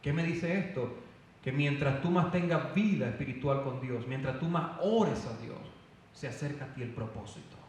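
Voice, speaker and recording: A man preaching a fervent sermon with loud emphatic calls. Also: medium pitch, moderate pace, slight background noise. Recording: echoey hall, voice from far off.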